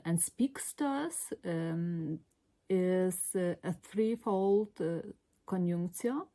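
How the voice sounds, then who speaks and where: A woman from Lithuania with a Lithuanian accent, talking unscripted to viewers as a vlog host, hesitant and often pausing to search for words. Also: lowish voice, warm tone. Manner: hesitant, halting, with long searching pauses. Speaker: video host. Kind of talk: unscripted explanatory vlog talk.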